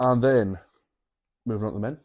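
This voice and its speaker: A man's voice: on the low side, a little fast, a little mellow. A man co-hosting a podcast, chatting casually with laid-back, sweary banter. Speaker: podcast co-host. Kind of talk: casual chat.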